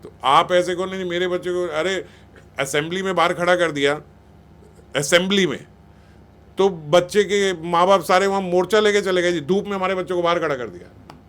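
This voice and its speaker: A man's voice: high voice, normal speed, fairly bright tone. A man giving a spiritual talk on raising children, conversational and scolding, often acting out what parents and teachers say. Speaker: spiritual speaker.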